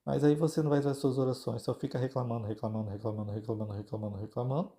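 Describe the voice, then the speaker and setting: Speaking rapid-fire in a warm, mid-range voice with fairly even intonation, a man with a Brazilian Portuguese accent hosts a casual devotional podcast. He keeps it informal and conversational, talking straight to his listeners.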